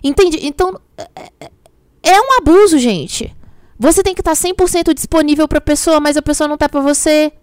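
A woman with a Brazilian Portuguese accent, a belief coach speaking candidly to her audience about relationships, emphatic and expressive. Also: high-pitched, normal speed, no echo, studio quality. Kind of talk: candid direct-to-camera relationship talk.

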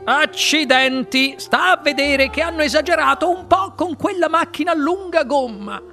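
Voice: normal speed, gravelly, faint music behind, heavily acted. Willy Wonka, as a reader puts him on. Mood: playful. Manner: lively, theatrical, raised pitch. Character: eccentric male candy maker, playful, showy. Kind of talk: audiobook character voice.

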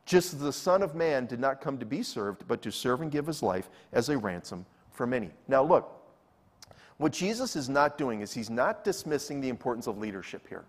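Animated preaching pastor, man. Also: mid-range voice, normal speed. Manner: animated storytelling, acts out quoted lines; repeats key phrases for emphasis. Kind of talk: sermon.

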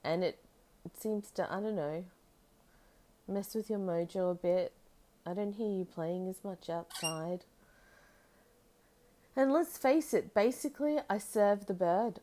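A woman podcast host chatting casually and intimately to her pet bird, doting and rambling, with soft tag questions. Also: fairly low pitch, background noise.

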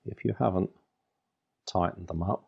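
A man leading a guided meditation, giving soothing, unhurried instructions in short phrases with long pauses, on a slightly dull recording. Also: deep voice, vocal fry, husky.

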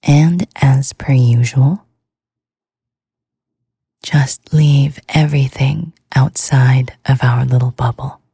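Slow, soft-whispering woman, breathy and dark. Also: extremely low pitch, fairly even intonation, no echo, clean studio sound. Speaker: sleep podcast host. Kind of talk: whispered ASMR sleep talk.

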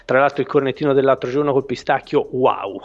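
A man hosting a casual live radio show from a small room at home, talking in a halting, rambling, self-correcting way. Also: mid-range voice. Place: small room at home, not a proper studio. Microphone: home microphone with headphones. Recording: dull small-room home broadcast, slight echo.

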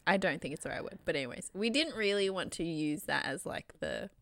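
A woman's voice: on the low side, lively intonation, a little fast, creaky, fairly bright tone, dry recording. A woman in her twenties with an Australian accent, co-hosting a podcast in a teasing, casual way. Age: 20s. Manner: teasing, laughs often. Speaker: podcast co-host. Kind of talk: casual chat.

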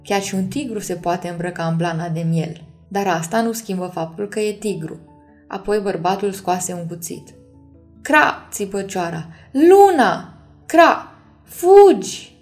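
A woman narrating an audiobook chapter in a measured, expressive reading. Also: medium pitch.

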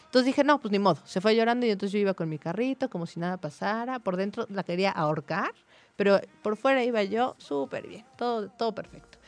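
A Mexican woman with a Mexican Spanish accent tells a story in an animated, slightly fast, mid-range voice. She's a psychologist appearing as a guest or co-host, sharing anecdotes with quoted dialogue in casual conversational storytelling.

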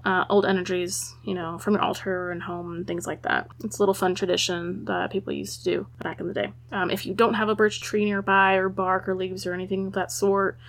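A woman hosting an informal spoken tutorial, guiding listeners in a casual, gently instructive way. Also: mid-range voice. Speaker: host of a spiritual how-to episode.

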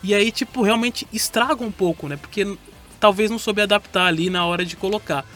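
A man's voice: high-pitched, fairly quick, fairly bright tone, faint music behind. A man with a Brazilian Portuguese accent hosting a casual podcast chat, rambling and correcting himself as he goes. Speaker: podcast host.

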